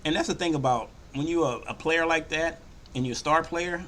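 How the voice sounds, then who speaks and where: An older man hosting a sports podcast, talking casually and loosely, often slipping into animated quoted voices. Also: fairly high pitch, a little fast, slight background noise. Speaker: podcast host. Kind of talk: casual sports talk monologue.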